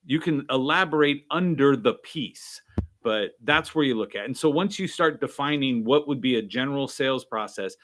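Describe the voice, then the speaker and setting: A man guest in a casual interview, telling stories and acting out quoted dialogue, with many "right?" and "I'm like" asides. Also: mid-range voice. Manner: animated, acts out quoted dialogue. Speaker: guest, sales trainer.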